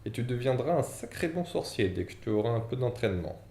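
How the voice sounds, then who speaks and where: A man voicing a huge, quick-tempered male half-giant gamekeeper, booming and indignant, in an audiobook reading with character voices. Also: very animated, mellow. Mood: gruff. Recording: echoey room, faint background noise.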